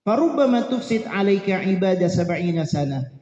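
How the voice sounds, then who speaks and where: A man's voice: high-pitched, expressive, normal speed, warm tone. Preacher man in an echoey hall. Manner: reads Arabic text, then explains it in a casual storytelling way. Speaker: Islamic preacher. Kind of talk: religious study lecture. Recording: echoey, dull lo-fi hall recording.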